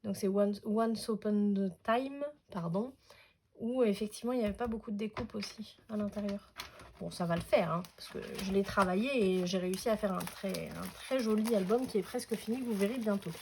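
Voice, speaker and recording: A woman's voice: mid-range voice, brisk, a little mellow, a little hiss or hum. Chatty French-speaking woman crafting tutorial. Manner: chatty, hesitant with many fillers. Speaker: scrapbooking tutorial host.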